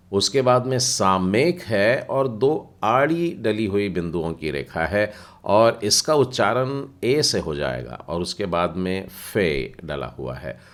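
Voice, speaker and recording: A man teaching a Bible language class, patiently spelling out letters and their sounds step by step. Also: low-pitched. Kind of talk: slow explanatory lesson.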